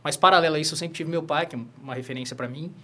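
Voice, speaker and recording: A Brazilian lawyer and jiu-jitsu teacher in his thirties races through his stories in a slightly high voice. Guesting on a casual interview, he's an animated narrator who keeps throwing in "né?"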